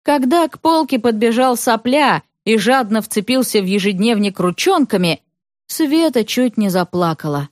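A woman reads a children's story aloud, her fairly high voice rising and falling with lively expression. The recording is close and dry, with no room sound at all. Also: normal speed, dry recording. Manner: expressive, animated reading. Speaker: narrator. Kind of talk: storybook reading.

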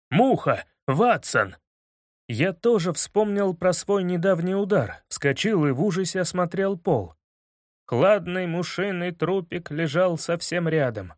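A man giving expressive, wry first-person audiobook narration close to the mic. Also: sits high, no echo.

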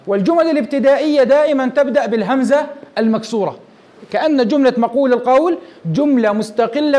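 A male sheikh gives a classroom grammar lesson in a strikingly high voice. He talks at a brisk clip, asking the class questions and answering them himself as he works through each point. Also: darkish tone. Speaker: Islamic scholar teaching Arabic grammar.

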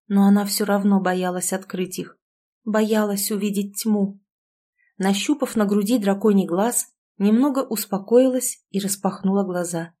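A woman reading an audiobook aloud in a measured, expressive way. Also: mid-range voice. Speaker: audiobook narrator. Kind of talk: scripted audiobook narration.

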